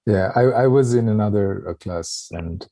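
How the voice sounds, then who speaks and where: A man chatting in an easygoing, relaxed way in an online study group over a video call. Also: lowish voice, moderate pace, dry recording. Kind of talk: casual video call chat.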